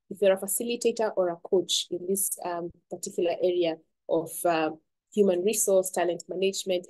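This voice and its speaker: A woman hosting an online webinar. She talks steadily and fills pauses with many ums and repeated words. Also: mid-range voice, dark tone, poor audio. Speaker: webinar host.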